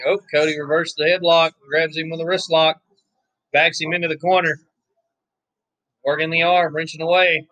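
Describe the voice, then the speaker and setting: A man with a drawl, his voice hoarse, calling a wrestling match in a relaxed, chatty way full of offhand asides. His voice sits a little high, and the recording is dry and close. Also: no echo, low-quality recording. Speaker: wrestling watch-along commentator. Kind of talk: casual play-by-play commentary.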